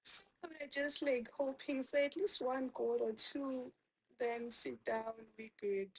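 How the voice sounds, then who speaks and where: A woman's voice: high voice, steady tone, fairly bright tone, slightly rough, rough recording. A woman, a guest on a live chat, answering bluntly with dry jokes. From South Africa. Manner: blunt, joking quick replies. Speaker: guest caller.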